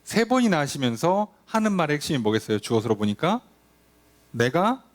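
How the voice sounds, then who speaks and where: Lively pastor, man, animated delivery. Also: on the high side, fast talker. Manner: lively, acts out quoted voices, conversational with congregation. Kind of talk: Bible study sermon. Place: church.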